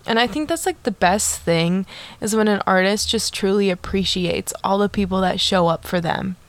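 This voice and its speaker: A young woman hosts her own podcast solo, chatting away in a bubbly manner, dropping plenty of "like" and asides to her listeners. Her voice sits in the mid range, she talks at a normal speed, and the recording is dry.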